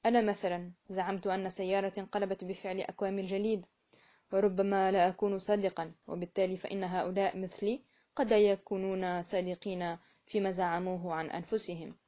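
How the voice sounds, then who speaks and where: A woman voicing a sly male hotel guest who reasons in a calm, insinuating way, on a muffled recording. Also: medium pitch, fast talker, close to an everyday voice.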